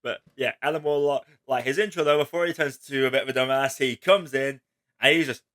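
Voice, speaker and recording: A man's voice: medium pitch, steady tone, brisk, a bit bright. A man hosting a casual film chat, rambling with lots of filler words and casual swearing. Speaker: host.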